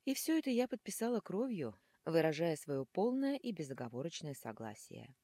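A woman narrates a first-person fantasy audiobook in a low, dark, husky voice. Her delivery is animated and dramatic, with wide swings in pitch. The recording is close and dry. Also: moderate pace, no echo. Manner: animated, dramatic, shifting into hissing whispers.

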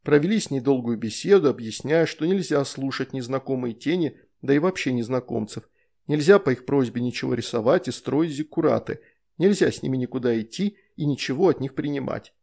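A man narrating an audiobook in a lively, expressive reading. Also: medium pitch, fairly quick, creaky. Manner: lively, performs all character voices. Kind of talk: scripted narration.

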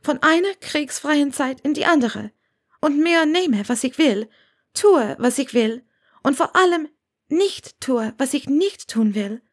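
A woman voicing a bold, defiant young witch, with a high, bright, teasing delivery. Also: expressive, measured pace.

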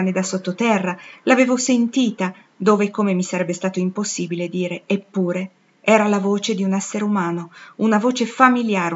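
A woman narrating a literary audiobook in an expressive, dramatic reading. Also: medium pitch, highs cut off. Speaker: audiobook reader.

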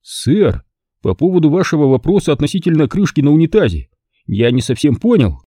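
A man reading an audiobook, voicing a formal butler who speaks in a flat, level tone. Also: on the high side, a little fast, no room sound, clean studio sound, pitched above the performer's own voice. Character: stiff, deadpan male butler. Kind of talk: audiobook character voice.

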